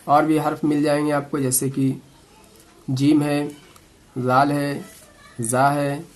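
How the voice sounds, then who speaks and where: Slow, patient Quran reading teacher, male. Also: fairly high pitch. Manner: patient, repeats each letter slowly and demonstrates sounds. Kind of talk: slow step-by-step lesson.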